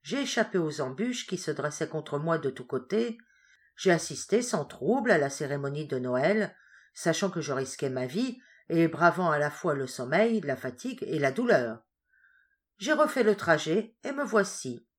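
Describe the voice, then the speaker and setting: A proud young boy, read by a woman, recounts his bravery in an earnest storybook voice. The tone sits a little low and plain. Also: big pitch swings, moderate pace. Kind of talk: storybook reading.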